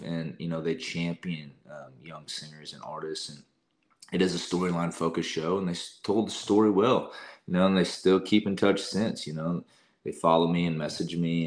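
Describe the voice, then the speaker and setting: A young man, a singer and guest, telling stories in a casual interview and often quoting himself. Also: rumbling low. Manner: lively storyteller, quotes himself often.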